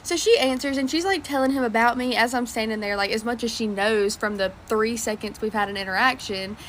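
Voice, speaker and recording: A woman's voice: fairly high pitch, fairly bright tone, a little hiss or hum. A woman of twenty, telling a casual story in a chatty, wry way. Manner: chatty, wry, drawn-out asides. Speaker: vlogger.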